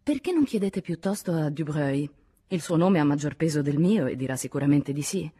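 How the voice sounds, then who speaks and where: A woman's voice: low voice, lively intonation, fairly quick, mellow, husky. A woman voicing a dry, sceptical middle-aged male writer who answers curtly, in an audiobook reading.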